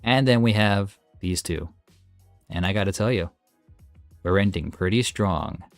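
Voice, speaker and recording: A man's voice: deep voice, a little slow, no room sound, soft background music. A man giving casual, enthusiastic and opinionated commentary while ranking game characters. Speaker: gaming video host. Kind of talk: casual tier-list commentary.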